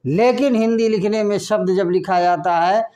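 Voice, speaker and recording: A man teaching a lesson in a slow classroom style, asking questions and then answering them himself. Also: sits high, warm tone. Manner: asks questions and answers them himself, repeating words slowly.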